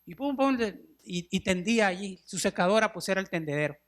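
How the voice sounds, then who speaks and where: A man's voice: high-pitched, brisk. A middle-aged man preaching a sermon in a church, telling stories with animation and calling his listeners brothers. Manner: animated storytelling, acts out wailing mourners; addresses listeners as brothers, drops in English words. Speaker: pastor. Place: church sanctuary.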